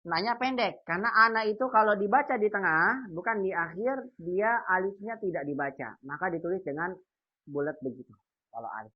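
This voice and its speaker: A man leads an online grammar class, drawing out example phrases slowly and asking his students quick questions. His voice comes through a dull, lo-fi call connection, as if from a computer mic. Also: high-pitched. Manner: patient, repeats example phrases slowly and asks quiz questions. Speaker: Arabic teacher.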